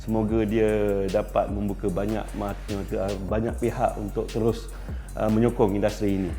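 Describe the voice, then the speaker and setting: A middle-aged man from Malaysia speaks in a lowish, warm and mellow voice. He answers interview questions casually and thoughtfully, pausing on fillers and restarting sentences as he goes. Faint music plays underneath. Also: flat delivery. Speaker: racing team principal.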